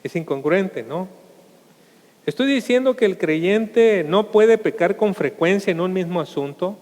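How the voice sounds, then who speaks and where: A man's voice: sits high, animated, a little slow, darkish tone. A man preaching a Sunday sermon as a pastor, addressing his listeners as brothers and asking them rhetorical questions. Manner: asks the congregation rhetorical questions. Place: church sanctuary. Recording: reverberant church hall.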